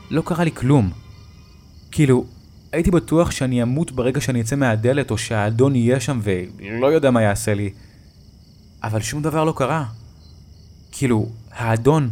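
Male narrator for a horror creepypasta, mid-range voice, tense delivery over a music track. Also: medium pitch. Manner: tense first-person retelling, shouting in the dialogue. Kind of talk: creepypasta storytelling. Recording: music bed behind the voice.

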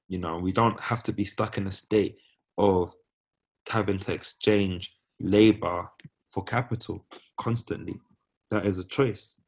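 Low-voiced man, emphatic and opinionated. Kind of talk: casual opinionated discussion.

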